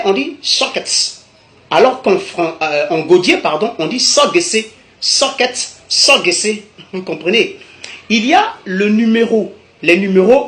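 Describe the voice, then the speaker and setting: A high-pitched man gives a patient, methodical language lesson, saying each word twice so it sinks in. His voice rings around a reverberant room. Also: fairly bright tone. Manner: methodical, repeats each term for emphasis. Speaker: language teacher. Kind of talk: explanatory video lesson. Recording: echoey room.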